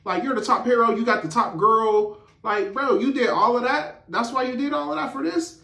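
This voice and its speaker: A man voicing a furious young woman who shouts high-pitched accusations at a friend, recorded with a roomy echo. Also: slow pace, vocal fry, heavily acted.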